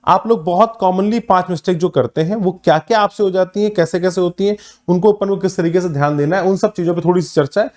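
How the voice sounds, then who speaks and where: A man teaching a live online class, speaking emphatically with drawn-out words and pauses, mixing English terms in and addressing students as friends. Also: sits high, a little mellow. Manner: mixes English words into the talk. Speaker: online exam-prep teacher.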